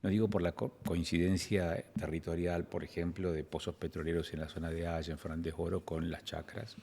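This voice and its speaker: A man's voice: low-pitched, little pitch movement, brisk, vocal fry, a little mellow, breathy edge. A man, a news host asking long, winding interview questions.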